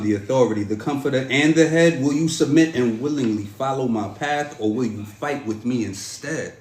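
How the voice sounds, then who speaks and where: A man performing a spoken-word poem to a woman in a measured, dramatic, pleading delivery. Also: mid-range voice. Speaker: podcast host performing a poem. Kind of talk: spoken-word poetry recital. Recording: roomy echo.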